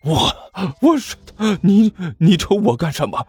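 A man voicing a hot-headed young man who shouts in a high, shrill, furious voice. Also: big pitch swings, measured pace, slightly rough, dry recording, full character voice.

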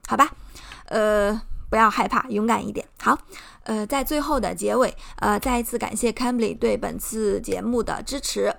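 In a relaxed advice segment, a young woman from China who hosts a podcast encourages her listeners earnestly and explains things step by step. Her medium-pitched voice carries vocal fry and a fairly bright tone.

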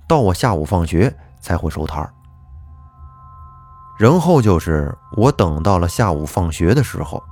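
Low-voiced man telling an eerie folk tale. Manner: expressive, dramatic storytelling. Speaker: storytelling podcast host. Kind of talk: narrating a listener's folk tale.

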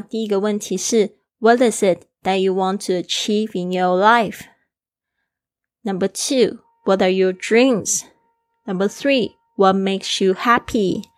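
A woman's voice: mid-range voice, no room sound, studio quality. A woman hosting a bilingual English lesson, patiently explaining and spelling out vocabulary, her throat a little sore. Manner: explains words patiently, repeats and spells them out. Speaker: English teacher and podcast host.

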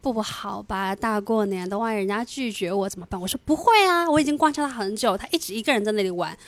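A woman's voice: mid-range voice, fast, no room sound. A woman co-hosting a casual podcast, telling a story and acting out the dialogue with animation. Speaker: podcast co-host.

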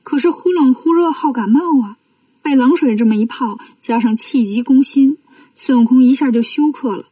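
Woman storyteller for children, expressive, close dry recording. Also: high-pitched, normal speed, breathy edge, dry recording, distant mic.

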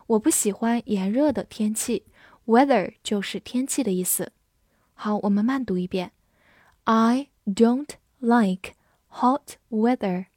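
A woman teaching English vocabulary, speaking with slow, careful enunciation and repeating words for drills. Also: fairly high pitch, darkish tone, no room sound, studio quality. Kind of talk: vocabulary lesson in Chinese.

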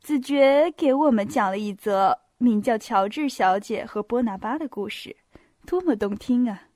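Lady putting on a sugary flirty little princess, high voice, dry sound. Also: lively intonation, moderate pace, a little mellow, no echo. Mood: coquettish.

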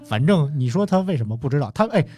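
A man with a Beijing accent telling stories in casual conversation, explaining things deliberately and pausing to find words. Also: on the high side, big pitch swings, a little mellow, slightly rough. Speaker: guest storyteller. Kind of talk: casual storytelling chat.

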